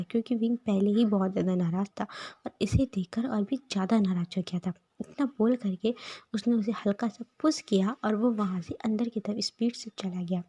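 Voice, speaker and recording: Warm husky woman telling a story. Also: medium pitch. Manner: rambling, repeats and restarts phrases. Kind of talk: casual fan-fiction storytelling narration.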